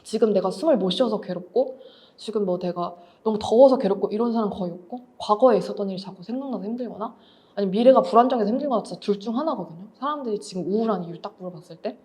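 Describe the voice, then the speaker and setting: A woman in her thirties speaks quickly and candidly, walking listeners through her thoughts with everyday examples. Her voice is warm and relaxed, not bright. She has the reflective manner of a writing teacher giving a talk. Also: mid-range voice. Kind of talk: lecture talk.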